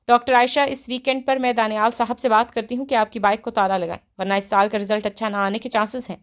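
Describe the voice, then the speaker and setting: A woman's voice: a little high, flat delivery, natural voice. A woman voicing a strict senior woman doctor scolding two late trainees. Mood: stern. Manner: stern, scolding.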